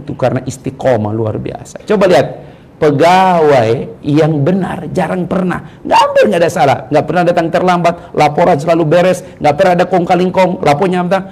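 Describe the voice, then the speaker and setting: A man preaching a sermon in a mosque, swinging between loud exclamations and hushed asides and asking the crowd questions. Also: fairly high pitch, gravelly, husky. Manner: addresses the crowd with questions and playful skits. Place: large mosque hall.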